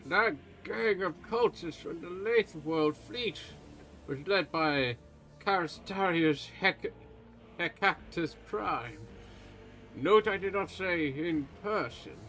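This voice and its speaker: Brief: a man playing a stern, pompous old male pontifex for a tabletop game, formal archaic delivery, slightly raised pitch. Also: slow, pushed and bright, faint music behind, heavily acted, low-quality recording. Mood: accusing. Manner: formal archaic speech, haughty and accusing.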